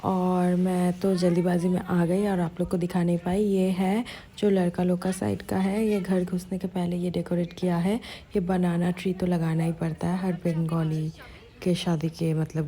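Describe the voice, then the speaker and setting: A woman's voice: fairly low pitch, level tone, measured pace, dark tone. A woman from India narrating a vlog in a casual, chatty way, switching between Hindi and English. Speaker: vlogger.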